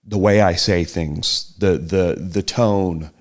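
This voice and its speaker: Slow-paced and low, with fairly even intonation, a middle-aged man muses gently in a casual podcast conversation. He is the host's partner, appearing as a guest, and his speech is hesitant, with repeated restarts and trailing endings.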